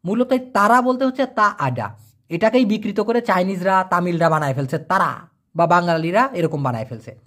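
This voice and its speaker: A man talks through a casual language lesson. His pitch swings up and down lively as he repeats each phrase slowly, then translates it. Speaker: Malay language teacher.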